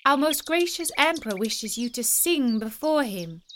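A woman reading aloud does an earnest little kitchen maid in a fairy tale, pitched high and full of excitement. Her lines swing widely in pitch and come unhurried, bright with eager calls. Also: a little hiss or hum, full character voice. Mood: calling out.

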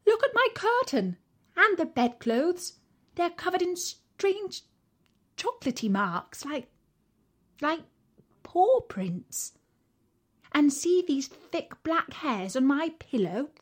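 A woman doing a shrill, scolding robbed lady. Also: very animated, slow, pauses often, full character voice. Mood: indignant. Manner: indignant, scolding. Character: upset shrill wealthy lady, house robbed.

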